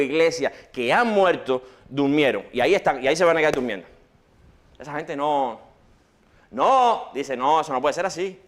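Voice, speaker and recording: Male preacher, higher-pitched, lively sermon delivery. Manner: animated preaching, swings from loud questions to hushed quoting. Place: church.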